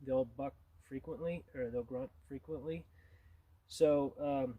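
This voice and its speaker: A man's voice: mid-range voice, fairly even intonation, takes it slowly, no room sound, narrow, tinny audio. A man gives an informal tutorial as a hunting instructor, in a plain-spoken, conversational way.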